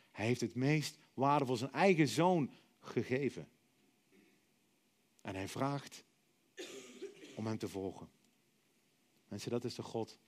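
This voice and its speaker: A middle-aged man preaching a sermon. He tells stories dramatically, acts out other voices, and lets many phrases sink to a soft, quiet finish. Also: lowish voice. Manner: dramatic storytelling, acting out voices and dropping to soft, quiet endings.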